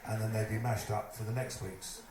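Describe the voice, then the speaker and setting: A man telling a lively stage anecdote, putting on other people's voices as he goes. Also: on the low side, fairly quick. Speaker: storyteller at a live evening event. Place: live event venue, indoors. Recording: echoey room, distant mic, noisy.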